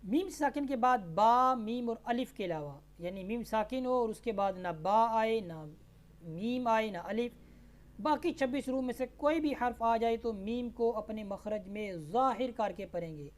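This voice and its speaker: A woman teaching tajweed who spells out letters and vowel marks, then recites each word slowly and drawn out. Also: on the high side, animated. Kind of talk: tajweed lesson.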